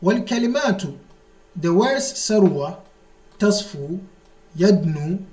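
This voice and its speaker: A high-voiced man, animated and a little mellow, leads an Arabic grammar lesson in a room full of echo. His explanation is slow and repetitive, returning to key terms; he rattles off the Arabic text quickly, then renders it into English without hurrying.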